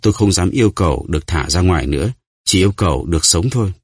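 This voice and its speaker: A man voicing a terrified, starving greedy prisoner who pleads and stammers, in a husky voice. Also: sits low, expressive, fast, dry recording, clean studio sound. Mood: pleading.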